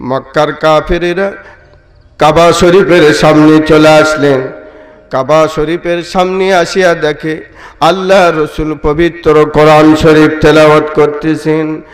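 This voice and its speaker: Fervent high-voiced preacher in a big reverberant hall. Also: male voice, flat delivery. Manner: fervent, shouting climaxes and slow sung Quranic chanting. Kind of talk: Bengali waz sermon with chanted recitation. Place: large religious gathering over loudspeakers.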